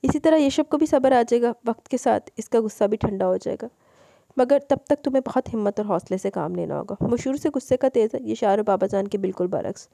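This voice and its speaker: Audio novel: woman reading a gentle, consoling sister-in-law; mellow, dark tone. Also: on the high side, brisk, creaky, dry recording. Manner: soothing, advising.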